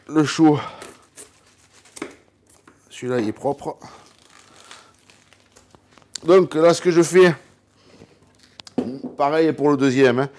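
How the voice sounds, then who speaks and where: A man's voice: a little high, darkish tone, slight background noise. A man from southern France with a southern French accent, chatting casually through a cooking vlog, rambling, joking and saying "voilà" constantly. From Cévennes, southern France. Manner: talks straight to the viewer, jokes and laughs at himself. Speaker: home cook and hunter.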